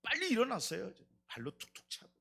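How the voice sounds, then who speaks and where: A man's voice: high-pitched, huge pitch swings, fairly quick, vocal fry, fairly bright tone, slightly rough. A man preaching a Friday night revival sermon in a church. He keeps putting questions to the congregation and acts out quotes as he goes. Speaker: pastor. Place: church sanctuary.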